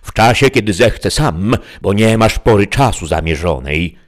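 A man's voice: lowish voice, lively intonation, pitched above the performer's own voice. A man voicing Merlin, a solemn ancient wizard spirit. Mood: solemn declaiming. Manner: declaiming, ornate and slow.

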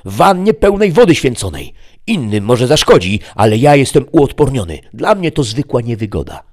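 A man's voice: mid-range voice, very animated, normal speed, darkish tone, pitched above the performer's own voice. A man voicing an arrogant, vengeful male devil who sneers and threatens. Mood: furious.

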